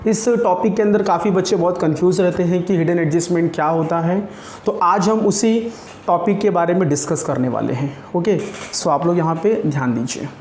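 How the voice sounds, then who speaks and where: A man teaching an accounting lesson, calling his students children and reading definitions out slowly. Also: sits high, darkish tone, slight background noise. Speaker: commerce teacher. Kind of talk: classroom-style explanation. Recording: echoey room.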